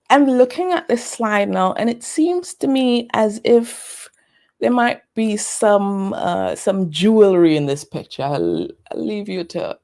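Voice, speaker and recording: A woman's voice: medium pitch, gravelly, darkish tone. A woman giving an online presentation on breathing, chatty, with playful asides and many fillers, speaking over a video call.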